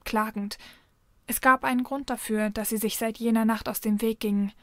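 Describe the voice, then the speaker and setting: A woman reading a fan fiction story aloud in an even, measured narration. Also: a little high, no echo, clean studio sound.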